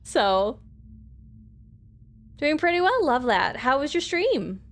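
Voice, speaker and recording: A woman's voice: high-pitched, big pitch swings, slow, a bit bright. A woman game streamer giving casual, chatty live commentary and reacting as she plays. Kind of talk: casual live let's play commentary with dialogue read aloud. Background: game music.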